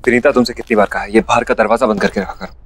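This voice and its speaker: A man playing a sharp, irritable father. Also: high-pitched, lively intonation, moderate pace, music in the background. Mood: irritated. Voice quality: sharp, scolding. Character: stressed, irritable husband and father.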